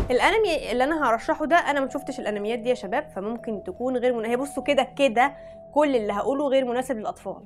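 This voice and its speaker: A woman with an Egyptian Arabic accent, chatting frankly as a vlogger, often breaking off mid-word and starting again. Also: sits high. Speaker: anime vlogger. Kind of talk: casual chat reading out recommendations.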